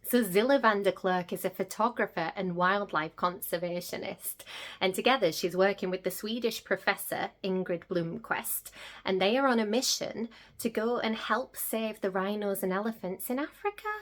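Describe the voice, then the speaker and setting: A chatty vlogger gossips in a comedic monologue, played by a woman. She gushes and gasps with delight, her voice sitting at an everyday middle pitch. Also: moderate pace, close to an everyday voice. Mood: gossipy. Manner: gushing, gossipy, breathless gasps and squeals.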